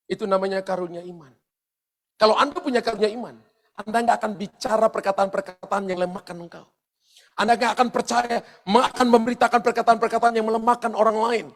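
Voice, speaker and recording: A man with a strikingly high voice preaches a sermon as pastor. He talks straight to the congregation and acts out stories with big, loud exclamations. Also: fairly quick, vocal fry. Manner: animated storytelling with loud exclamations; addresses the congregation directly and often. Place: church service.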